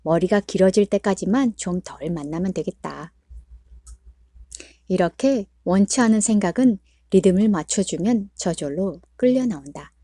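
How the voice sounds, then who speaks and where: A woman reading a book aloud in a calm, measured storytelling way. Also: mid-range voice, dry recording, clean studio sound. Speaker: book reader. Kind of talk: read-aloud book narration.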